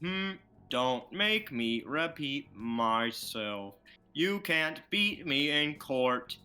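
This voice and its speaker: A man voicing a crafty old man who poses as a harmless grandfather while threatening lawsuits. He talks slowly and slyly with a sharp, bright tone, dropping fake robot noises. Faint music plays underneath. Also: a little high, sing-song, heavily acted. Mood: scheming. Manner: slow, sly, mock-robotic threats. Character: scheming old man posing as cheerful grandfather. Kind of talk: fan comedy dub.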